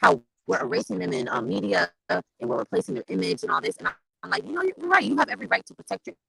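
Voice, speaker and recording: A panelist in an online discussion, talking fast and animatedly with many restarts over a video call whose stream is dropping and garbling the voice. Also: mid-range voice, vocal fry, husky, dry recording, rough recording. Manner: rapid, animated, many restarts and filler words. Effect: voice garbled and breaking up over a failing online stream.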